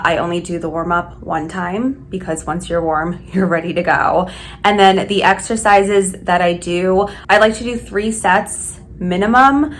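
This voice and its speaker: A woman's voice: on the low side, a bit bright, slight background noise. A woman who works as a flight attendant, chatting candidly through her workout routine in a hotel room. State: out of breath at times. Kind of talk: casual workout vlog.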